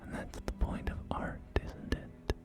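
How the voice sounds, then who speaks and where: An unhurried, somewhat hesitant whisper carries this ASMR roleplay of a well-mannered, genteel property agent. The breathy voice uses refined phrasing, and soft music sits behind it.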